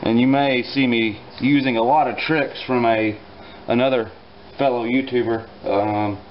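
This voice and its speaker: A man casually explaining a small engine repair in his home garage, relaxed and dryly joking, with plenty of fillers as he works. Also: mid-range voice, unhurried, highs cut off, slight background noise. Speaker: repair instructor. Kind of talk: casual hands-on repair tutorial.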